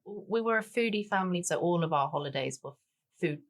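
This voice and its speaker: Woman, forties, deep voice, chatty, relaxed interview guest. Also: quick pace. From grew up in Tanzania, born in Denmark. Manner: chatty, with many "sort of" and "you know". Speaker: guest chef and cookbook author.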